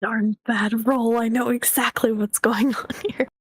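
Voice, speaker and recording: A woman's voice: fairly high pitch, fairly even intonation, a little slow, husky, no room sound, studio quality. A woman playing a tabletop role-playing game, chatting casually and speaking for her character.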